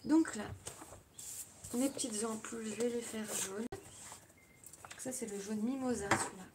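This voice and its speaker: A woman's voice: on the high side, unhurried. A woman with a French accent hosting a casual live crafting tutorial, chatting her way through each step with small asides. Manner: chatty, narrates each step with little "hop" and "voilà" asides. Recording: loud background noise with clicks.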